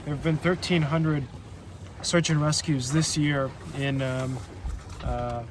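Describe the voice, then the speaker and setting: A man's voice: fairly high pitch, fairly even intonation, takes it slowly. A man narrating casually for a sailing vlog, recorded outdoors on a boat under way. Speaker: sailing vlogger. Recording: loud boat and water noise.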